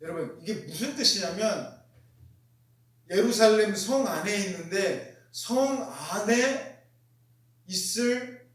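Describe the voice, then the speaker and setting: A man delivers a sermon in a high, carrying voice. He hammers home each point by repeating it and keeps asking his listeners questions. He sounds set back from the mic, in a room full of echo. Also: animated, slow, long pauses. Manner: emphatic, repeats key phrases, asks the congregation questions. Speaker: pastor. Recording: very echoey room, mic far off.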